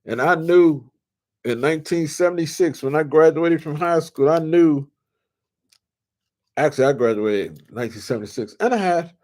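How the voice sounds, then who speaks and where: Excitable older man from D.C. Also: on the high side, moderate pace. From Washington, D.C. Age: 60s. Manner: animated, shouts with excitement, drawls and stretches words. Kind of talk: casual storytelling monologue.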